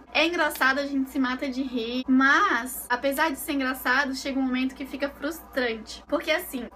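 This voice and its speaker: A woman's voice: high voice, a little hiss or hum. A woman with a Brazilian Portuguese accent, telling stories in a casual vlog from her bedroom and acting out the voices of the people she quotes. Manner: animated, acts out quoted voices. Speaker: vlogger.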